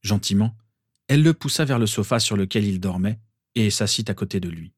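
Man reading a story out loud, low and calm, dry room. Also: brisk, breathy edge, no echo. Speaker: reader. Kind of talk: audiobook narration.

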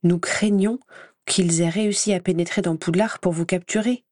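A woman's voice: fairly low pitch, fairly even intonation, normal speed, a little mellow, no echo, clean studio sound, natural voice. A woman reading an audiobook voices a stern older female professor with a cold, clipped, reproachful manner.

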